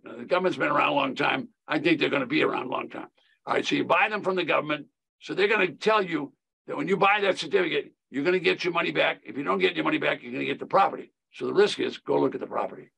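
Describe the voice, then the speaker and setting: A man's voice: fairly high pitch, fast, vocal fry, bright, forceful tone, husky. An older man explaining real estate investing on a video call, folksy and emphatic with a lot of repetition. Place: home office.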